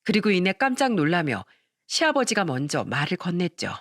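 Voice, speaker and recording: A woman narrating a scripted first-person family story in a calm, storytelling manner. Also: lowish voice, normal speed, dry recording, studio quality.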